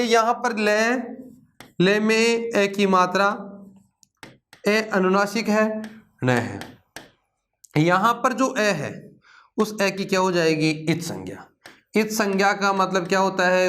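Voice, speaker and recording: A man teaching a grammar lesson who keeps asking questions and answering them himself, repeating key terms with emphasis. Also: high voice. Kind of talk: classroom lecture.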